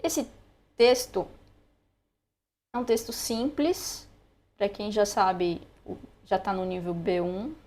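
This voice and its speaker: Slow and pausing often, a young language learner with a Brazilian Portuguese accent chats her way through a screen-recorded lesson, sharing study tips and dropping in asides. Her voice is medium-pitched and slightly mellow.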